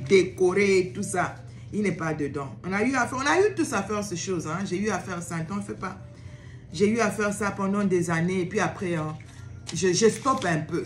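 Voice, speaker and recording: A woman's voice: medium pitch, fairly bright tone, roomy sound. A woman host giving an informal sermon to camera, exhorting her listeners, repeating words for emphasis and slipping into English phrases.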